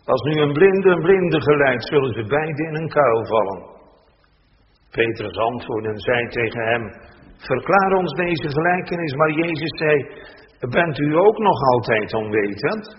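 A man, a pastor reading scripture aloud in a church service, slow and solemn with rising emphasis. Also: fairly high pitch, lively intonation, slight background noise. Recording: dull, echoey church hall recording.

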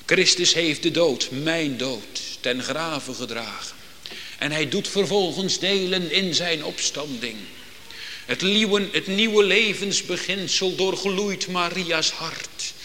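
A male preacher delivers a sermon at a deliberate, unhurried pace, his voice bright and ringing. He speaks solemnly and builds phrases into swelling, emphatic climaxes. The sound carries a long church reverb. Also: a little high. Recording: long reverb in a church hall, faint background noise.

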